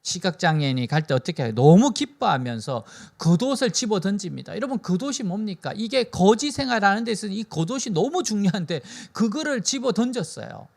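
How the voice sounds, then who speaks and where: Guy pastor preaching, high voice that swoops all over, keeps firing questions at the crowd. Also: brisk, creaky, few pauses. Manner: animated preaching, frequent rhetorical questions to listeners. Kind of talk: sermon.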